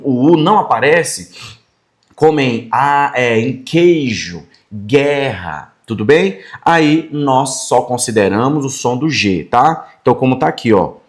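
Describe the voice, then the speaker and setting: Brief: Brazilian male teacher, mid-pitched, friendly explainer who repeats words aloud and checks in often. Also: darkish tone. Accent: Brazilian Portuguese. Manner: friendly, checks in often with quick tags like "fechou?" and "tá?"; sounds out words slowly and repeats them for emphasis. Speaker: Portuguese teacher. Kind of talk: explanatory grammar lesson.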